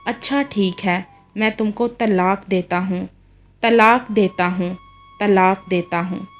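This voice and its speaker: A woman's voice: mid-range voice, steady tone, slow pace, soft background music, natural voice. A woman voicing a young husband, defensive and pleading, in a read-aloud story. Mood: angry. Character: young husband, quick-tempered then regretful.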